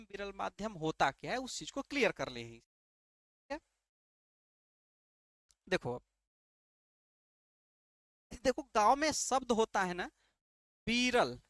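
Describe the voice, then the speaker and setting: A male teacher with a high, somewhat bright voice gives an exam-prep lesson in clean studio sound with no room echo. He poses rhetorical questions and answers them himself, often repeating key terms and checking understanding with "ठीक है".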